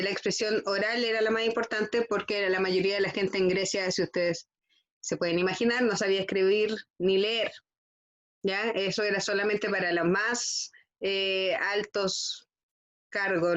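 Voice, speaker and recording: Woman teacher, slightly muffled. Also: medium pitch. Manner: frequent checking "¿ya?" with students. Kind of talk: classroom lesson.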